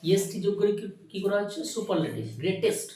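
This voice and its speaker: Echoey, lively male teacher. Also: high voice, recorded from a distance. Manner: asks students questions, then answers them himself; spells words out slowly and repeats them. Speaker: English grammar teacher. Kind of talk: classroom grammar lesson. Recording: very echoey room, recorded from afar.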